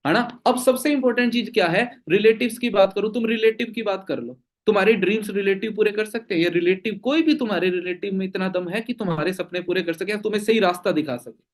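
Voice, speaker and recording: High-voiced man pushing his team hard. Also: quick pace, hardly any pauses. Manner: emphatic, full of rhetorical questions and "theek hai?" tags. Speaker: network marketing team leader. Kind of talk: motivational Q&A at a team meeting.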